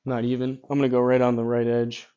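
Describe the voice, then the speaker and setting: A man giving casual golf simulator commentary, rambling as he thinks out loud. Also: medium pitch, completely flat delivery, fast, clear, resonant tone, dull audio.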